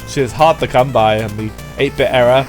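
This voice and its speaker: This is casual live-stream commentary from a man with a stuffy head cold, rambling and chatting with viewers as he plays an old racing game. He speaks fairly quickly in a mid-range voice, and faint music runs underneath.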